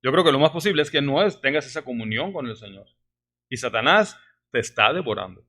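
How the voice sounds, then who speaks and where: A man preaching a sermon, emphatic, his voice rising sharply on key words and dropping low on asides, often adding "¿verdad?" and "hermanos". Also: animated, fairly quick, pushed and bright. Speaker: pastor. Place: church sanctuary.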